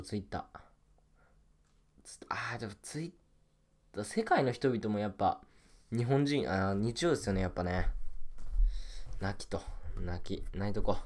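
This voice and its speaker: With a lowish, somewhat dark voice, a young man chats loosely as he plays a game on his phone, mumbling and echoing small phrases to himself along the way.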